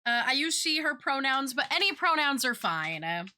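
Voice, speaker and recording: A woman's voice: sits high, very animated, moderate pace, bright, forceful tone. A woman chatting casually on an art livestream, rambling and thinking aloud. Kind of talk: casual, rambling livestream chat while drawing.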